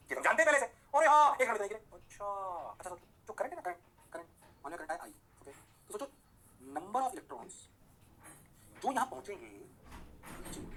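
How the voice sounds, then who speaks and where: A man teaching physics in a classroom lecture, constantly checking whether his students follow and slowing down to dictate definitions in English. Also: sits high, bright, forceful tone, a little hiss or hum. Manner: rhyming rapid-fire praise words.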